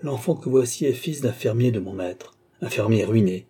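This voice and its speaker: A man voicing a courteous, proud young gentleman who speaks earnestly in a storybook reading. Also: mid-range voice, expressive, normal speed, slightly rough.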